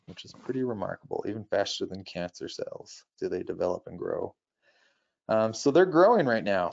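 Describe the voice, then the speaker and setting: A man presents wildlife in an unscripted nature-documentary style, measured and informative but with halting self-corrections. His lowish voice is gravelly and a little mellow, and the sound is lo-fi.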